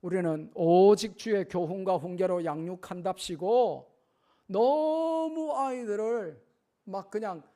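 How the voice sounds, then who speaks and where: A man's voice: high-pitched, gravelly, warm tone. A middle-aged man preaching a revival sermon in a church, emphatic, often acting out short dialogues with children. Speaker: pastor. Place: church sanctuary.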